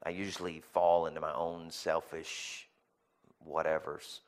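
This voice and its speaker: A man's voice: rumbling low, flat delivery, unhurried. A man preaching a sermon in a conversational, emphatic way, repeating key phrases and checking in with "okay?" and "right?". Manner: tags lines with "okay?" and "right?". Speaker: pastor.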